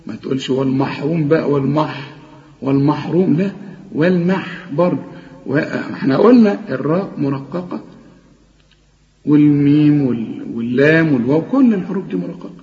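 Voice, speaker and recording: A man with an Egyptian Arabic accent gives a recitation lesson in a fairly high voice. He explains each rule briskly, then chants the example words slowly and at length. The lo-fi recording is dull, and a long reverb trails behind every word. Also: animated, darkish tone. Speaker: Quran recitation teacher.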